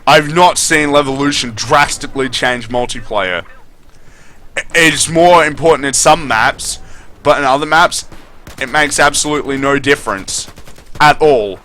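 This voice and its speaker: A man's voice: medium pitch, measured pace, bright, forceful tone. A man giving unscripted, opinionated game review commentary as a video host, speaking bluntly with casual swearing.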